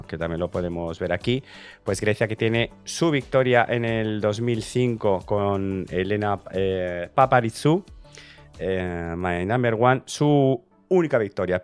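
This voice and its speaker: A man's voice: on the low side, smooth. A man from Spain chatting enthusiastically as he reacts to a song contest entry, casual and talkative. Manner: chatty, enthusiastic, restarts and fillers. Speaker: Eurovision reaction youtuber.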